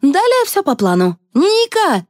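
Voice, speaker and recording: A woman's voice: on the high side, sing-song, a little slow, no echo, clean studio sound, pitched above the performer's own voice. Woman playing a brash bossy TV producer. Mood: commanding. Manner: barking orders, brash and loud. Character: bossy young female TV producer, brash and commanding.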